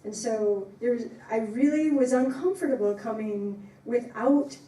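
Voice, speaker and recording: A woman's voice: a little high, a little slow, warm tone. A woman giving an informal talk to a congregation as a professor, speaking in an emphatic, appreciative way. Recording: echoey room, distant, faint noise.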